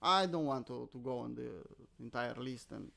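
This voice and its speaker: A crypto trader from Romania hosts laid-back live trading commentary in a Romanian accent, poking fun at himself and answering his own questions. His mid-range voice moves at a normal speed and sounds creaky, with a sharp tone.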